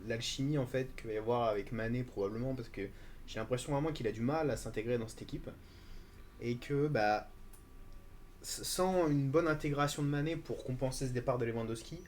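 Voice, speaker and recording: A man's voice: medium pitch, a little fast, darkish tone, a little hiss or hum. A man answering as a football pundit on a live stream, hesitant with frequent fillers. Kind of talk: casual live-stream discussion.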